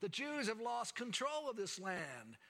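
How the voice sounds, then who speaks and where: A preacher voicing a jealous, scornful old governor. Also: male voice, high voice, huge pitch swings, measured pace, gravelly, pushed and bright, pitched above the performer's own voice, exaggerated voice. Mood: indignant.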